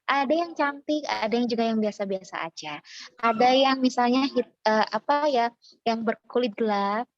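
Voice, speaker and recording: A woman from Java, a university lecturer, speaking in a chatty, animated way with many fillers, as a webinar speaker. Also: on the high side, moderate pace, dry recording, muffled recording. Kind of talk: informal lecture. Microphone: video call.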